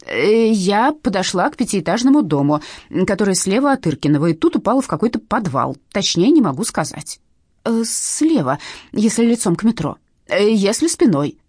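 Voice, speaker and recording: A woman's voice: medium pitch, big pitch swings, normal speed, a little mellow, slightly rough, dry recording, studio quality. A woman voicing a clumsy, flustered young woman who whines and frets in an audiobook story. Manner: plaintive and flustered.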